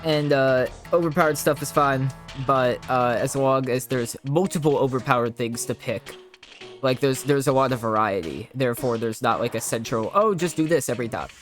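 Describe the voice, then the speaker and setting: A man's voice: mid-range voice, a bit bright, faint music behind. A man, an indie game developer, bantering casually and joking with his co-host while explaining design and coding ideas. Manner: joking, quick to laugh, casual "bro" banter.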